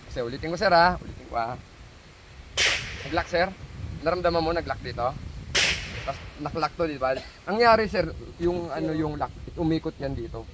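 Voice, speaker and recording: A man's voice: a little high, background noise. A man working as a firearms instructor, coaching trainees patiently and repeating his instructions. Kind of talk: hands-on range coaching. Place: outdoor shooting range.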